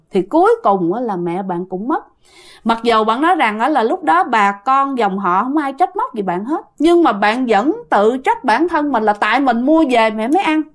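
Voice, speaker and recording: A woman telling a ghost story in casual spoken style, talking straight to the listener with many fillers. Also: a little high. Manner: addresses the listener directly, many fillers like "á" and "nha".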